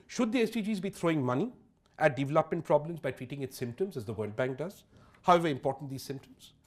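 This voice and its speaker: A man's voice: fairly high pitch, animated, fast talker. A man giving a public lecture on economics, emphatic and wry, full of rhetorical questions.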